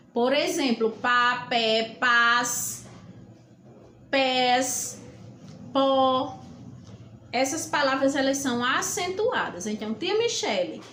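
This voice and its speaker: A woman teacher with a Brazilian accent gives a lesson, speaking slowly and deliberately and spelling out word endings letter by letter. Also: high-pitched, sharp tone. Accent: Brazilian Portuguese. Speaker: school teacher. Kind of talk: recorded classroom lesson. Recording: roomy echo with faint background hum.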